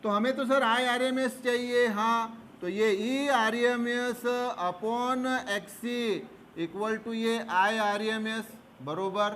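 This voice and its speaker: With a very high, fairly bright voice and a steady tone, a male physics teacher takes his time solving a problem at the board. He's patient, calls his students fondly and answers his own questions; faint background noise is audible.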